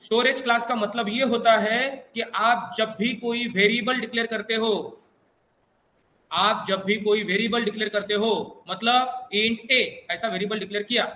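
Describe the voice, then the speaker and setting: A man's voice: sits high, bright, forceful tone, reverberant, poor audio. A male computer teacher with an Indian English accent giving an exam revision lecture, quizzing his students in call-and-response and coaxing them along. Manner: reassuring and coaxing, addresses students as "beta".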